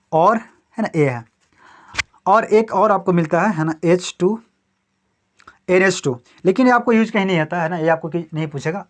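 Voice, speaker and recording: Male teacher quizzing his own class. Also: sits high. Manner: asks the class questions and answers them himself, repeats key terms. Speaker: chemistry teacher. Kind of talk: classroom lecture.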